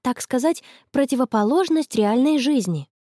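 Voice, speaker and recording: A woman voicing a dreamy, stubborn teenage schoolgirl in love, in a storybook, soft and a little touchy. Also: sits high, expressive, normal speed, dry recording, clean studio sound, pitched above the performer's own voice.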